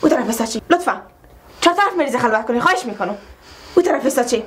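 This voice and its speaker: A woman's voice: on the high side, animated, natural voice. An actress playing a nervous young woman who is a half-trained nurse and answers back defensively in a sitcom. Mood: pleading. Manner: defensive, flustered, quick comebacks. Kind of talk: sitcom acting. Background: music.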